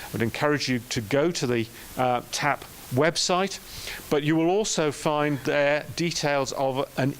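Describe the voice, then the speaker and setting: A man closes out a conference presentation in a measured way, filling his pauses with ums. His voice sits at a middle pitch, with a faint hiss behind him.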